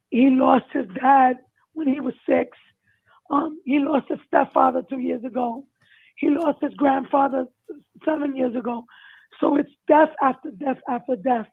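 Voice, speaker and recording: A middle-aged woman with a hoarse, failing voice, a caller giving an emotional personal account in distress. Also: high voice, dry recording. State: losing her voice, distressed. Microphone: phone call. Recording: tinny, narrow phone-line sound.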